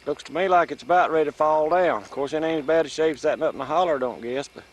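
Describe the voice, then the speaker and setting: A man's voice: on the high side, fast. A middle-aged man with a rural Southern American accent, chatting casually and narrating a home video in a folksy country drawl. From rural southern United States. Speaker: father filming a home-video tour of family farmland. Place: outdoors on a windy ridge and farm. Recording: windy, very noisy 1980s camcorder audio.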